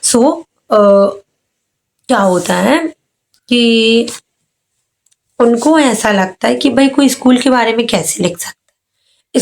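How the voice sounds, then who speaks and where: A woman teacher with a Hindi accent explains an English story, reading lines slowly and then paraphrasing them. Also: high voice, a little mellow.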